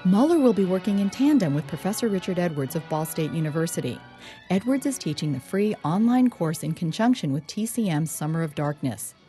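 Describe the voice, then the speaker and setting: A woman's voice: on the low side, expressive, brisk, dark tone, soft background music. A woman reporter narrating a scripted radio news feature.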